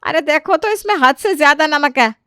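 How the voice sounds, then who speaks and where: A woman voicing a bossy mother-in-law in a cartoon story, loud and scolding. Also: high voice, expressive, normal speed, no room sound, studio quality, voice pushed up. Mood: commanding. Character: bossy mother-in-law who loves her sari.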